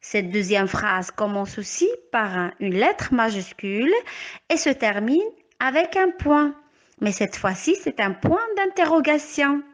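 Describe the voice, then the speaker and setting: A young woman teacher explaining a grammar lesson to young children, patient and carefully articulated, with clearly rising questions. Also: fairly high pitch, lively intonation, unhurried. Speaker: primary school teacher.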